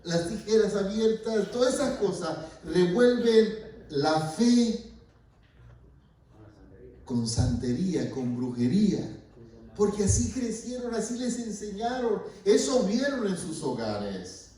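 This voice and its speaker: A man preaching as a pastor, telling stories, swinging between loud emphasis and hushed asides. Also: sits high, big pitch swings, slow pace. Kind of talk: sermon. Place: church sanctuary. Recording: echoey church hall from far off.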